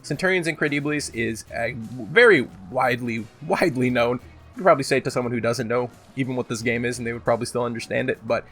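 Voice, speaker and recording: Speaking fast in a medium-pitched voice, a man with a sore throat hosts a gaming video with a casual, rambling, unscripted countdown. He throws in slang and some swearing, and loud music runs behind him.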